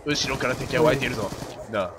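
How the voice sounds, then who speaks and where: A man doing game commentary while he plays, barking orders like a mock commander and shouting in rough slang. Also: medium pitch, fast. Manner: loud, theatrical, bossy mock-commander banter. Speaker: gaming commentator.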